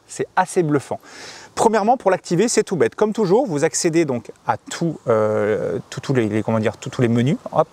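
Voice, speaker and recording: A motorcycle vlogger with a voice on the high side reviews a camera in a casual product demo, captured in a dry recording. Lively and chatty, he talks straight to his viewers with plenty of slang.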